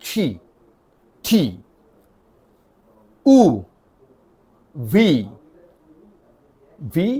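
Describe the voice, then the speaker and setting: Animated, high-voiced male language teacher. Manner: animated, spells letters out slowly with repeated drills; asks the class questions and answers them himself. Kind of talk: online language lesson.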